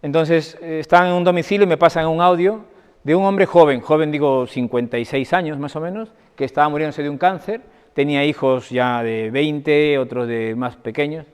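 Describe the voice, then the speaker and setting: A man's voice: a little high, moderate pace, smooth. A man, a doctor, giving a conversational talk to an audience and telling anecdotes while checking that his listeners follow. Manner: conversational, anecdotal, often asks the audience for agreement. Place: parish hall. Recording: long reverb of a hall.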